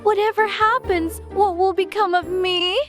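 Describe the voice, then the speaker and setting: A man's voice: extremely high pitch, fairly even intonation, a little slow, pushed and bright, soft background music, voice pushed up, heavily acted. A man voicing Alice, a curious, polite little girl who chatters to herself in a prim, wondering way.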